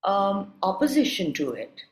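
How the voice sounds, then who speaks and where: A woman's voice: medium pitch, big pitch swings, a little slow. A woman interviewing conversationally, phrasing her questions tentatively and with measure. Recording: roomy, echoing sound.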